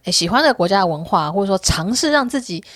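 Casual woman vlogger, fast and expressive, candid, laughs a lot, dry close sound. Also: medium pitch, dry recording. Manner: laughs often, candid storytelling. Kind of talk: casual chat to viewers. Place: Korea.

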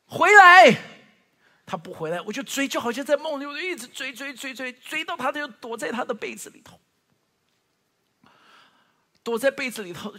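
High-pitched bright pastor, echoey hall. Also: male voice. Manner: emotional storytelling, swinging from loud to hushed; frequent stammered restarts. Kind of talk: sermon.

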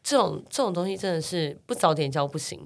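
A woman with a Taiwanese Mandarin accent, co-hosting a podcast and telling family stories with lively acted-out voices. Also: on the low side, quick pace. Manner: animated storyteller, acts out her kids' voices. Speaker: podcast co-host. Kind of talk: casual chat.

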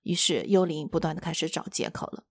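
A woman hosting a book-sharing show, retelling a chapter in a steady storytelling manner. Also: deep voice, a little fast, husky, no echo.

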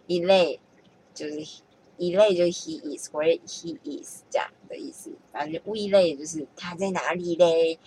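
A woman's voice: fairly low pitch, breathy edge. A woman chatting casually as she thinks aloud, often correcting herself and laughing at her own mistakes. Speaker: vlogger learning French.

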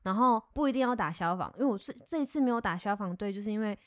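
A woman with a Taiwanese Mandarin accent, telling a story in casual, expressive chat as a co-host. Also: medium pitch, racing, no room sound, clean studio sound.

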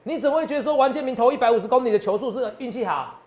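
A man's voice: very high voice, rapid-fire, a little mellow. A man, working as a stock market analyst and giving boastful finance talk show commentary full of rhetorical questions.

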